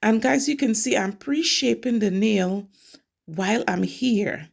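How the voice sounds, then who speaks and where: Explaining every step as she works, a middle-aged Trinidad and Tobago nail technician keeps her tutorial narration chatty and casual. She speaks unhurriedly in a mid-range voice with vocal fry.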